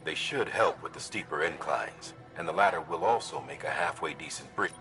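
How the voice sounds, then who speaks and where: A man's voice: rumbling low, normal speed, music in the background. An actor playing a practical male support operator who gives a courier plain, matter-of-fact instructions in a video game. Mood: advising.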